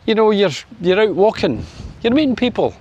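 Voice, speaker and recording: This clip is a casual opinion vlog from a Scottish man in his sixties. His pitch swings widely at a normal speed and his tone is darkish. The recording loses its highs and carries a little hiss or hum. He chats wryly with plenty of fillers and lifts his voice for sunny Spain.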